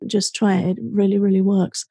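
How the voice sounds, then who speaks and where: A woman co-hosting a podcast, giving calm self-help advice in a conversational way. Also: medium pitch, moderate pace, husky, dry recording, studio quality. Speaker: podcast co-host.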